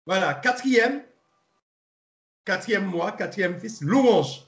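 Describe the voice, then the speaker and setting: Guy teaching bible study, kinda high voice, keeps restarting, echoey room. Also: animated. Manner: halting, repeats words, spells names letter by letter. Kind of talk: informal Bible study lesson. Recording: roomy echo.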